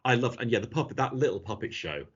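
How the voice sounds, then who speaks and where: A man's voice: medium pitch, breathy edge, highs cut off. A man co-hosting a casual review chat, talking enthusiastically with many restarts. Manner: enthusiastic, animated, quick restarts. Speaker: podcast co-host.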